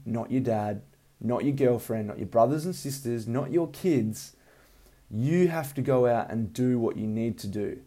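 A man speaking as a motivational coach and meditation guide, earnest and deliberate, leaning on repeated phrases, with a mellow, slightly gravelly voice. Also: medium pitch. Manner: earnest, emphatic repetition, unhurried guiding.

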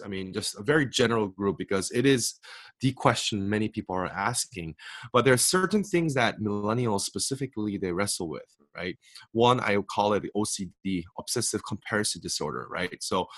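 A young adult man, Korean being his first language, appears as an author guest on a faith-based podcast interview, speaking earnestly in a fairly low, fairly bright voice with no room sound. When emphatic, he repeats words and restarts as he goes.

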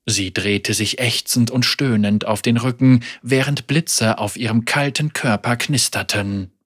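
A man narrating a dark fantasy story in a measured, dramatic way. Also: mid-range voice, slightly rough. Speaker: audiobook narrator.

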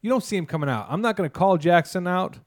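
A man's voice: high voice, expressive, fast, dry recording, clean studio sound. A man in his thirties or forties hosting a casual chat, rambling through stories with lots of fillers, restarts and sarcastic asides. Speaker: podcast host, mascot performer.

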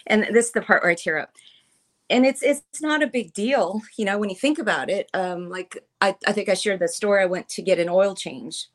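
Earnest woman in her fifties, halting. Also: mid-range voice, fairly bright tone. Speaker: podcast guest, military veteran. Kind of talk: personal storytelling in conversation.

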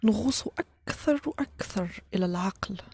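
A woman with an Algerian accent guides a meditation in a soft spa-like hush that often slips into whisper. She speaks in short, spaced phrases at a medium pitch. Clear background noise sits behind her voice. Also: animated. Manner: unhurried, with pauses between short phrases. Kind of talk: guided relaxation meditation, slow instructions.

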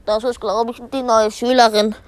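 A woman's voice: fairly high pitch, little pitch movement, moderate pace, no room sound, natural voice. A woman voicing a grumpy, bored schoolkid in an amateur fan audio drama, grumbling and impatient.

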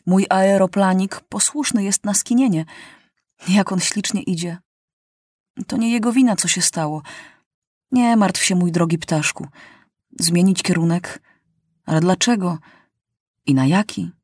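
A woman reading as a calm legless pilot with deadpan humor. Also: fairly low pitch, unhurried, pauses often, no room sound, studio quality. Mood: fond. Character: legless one-eyed male pilot, calm, dryly joking.

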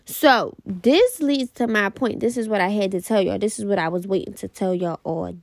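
A young woman hosting a casual motivational podcast, talking fast and passionately with plenty of repetition and casual slang. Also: medium pitch, vocal fry, dry recording. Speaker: podcast host.

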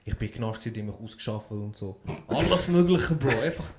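A man's voice: medium pitch, animated, fast, background noise. A young man with a Swiss German accent chatting casually on a podcast, full of slang and boasting. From Switzerland. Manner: slangy, says bro constantly, boastful. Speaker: podcast co-host. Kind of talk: casual chat.

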